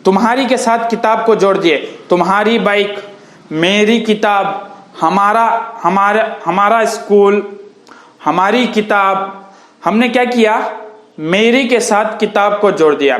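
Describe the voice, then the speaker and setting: A man teaching an English grammar lesson, slowly repeating each word along with its meaning. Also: sits high, a bit bright, echoey room.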